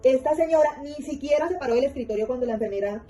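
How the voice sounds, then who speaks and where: A woman with a somewhat high, mellow voice tells a personal story in a rambling, repetitive way, looping back with fillers. Faint music plays underneath. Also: fast, lo-fi sound. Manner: rambling, repeats herself, many fillers. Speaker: vlogger telling a personal story. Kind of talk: casual storytelling monologue.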